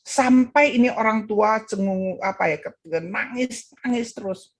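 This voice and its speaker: Breathy Indonesian woman preaching. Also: a little slow. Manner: acts out voices in her story, pitch swinging high and low. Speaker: women's ministry speaker. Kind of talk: sermon with a told story. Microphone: video call.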